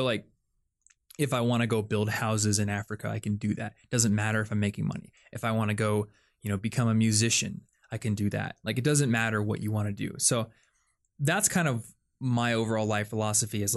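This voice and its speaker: A young man hosting a podcast, talking casually and thinking aloud with lots of fillers and restarts. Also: lowish voice. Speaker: podcast host. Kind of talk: casual chat.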